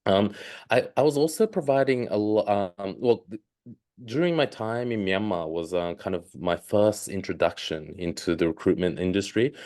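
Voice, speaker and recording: A man's voice: fairly low pitch, moderate pace, a little mellow. A man in his thirties, raised in Australia, giving a live online presentation with many ums and uhs. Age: 30s. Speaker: webinar presenter.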